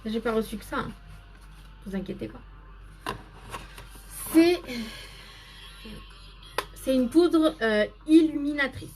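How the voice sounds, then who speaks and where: A woman's voice: high-pitched, expressive, slow, pauses often, a little mellow, soft background music. A woman hosting a casual live makeup stream, chatting to viewers by name and explaining each step as she goes.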